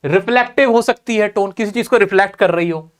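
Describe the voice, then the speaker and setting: A man's voice: high voice, quick pace. Male teacher drilling a class. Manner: repeats key points, quizzes students. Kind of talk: exam-prep class lecture.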